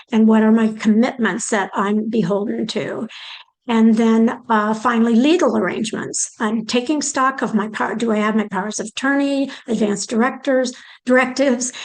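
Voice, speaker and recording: Older woman presenter, a touch high-pitched, methodical, thinks out loud in questions. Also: low-quality recording. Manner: poses questions aloud, walking through each step. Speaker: presenter on aging and care planning. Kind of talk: explanatory talk.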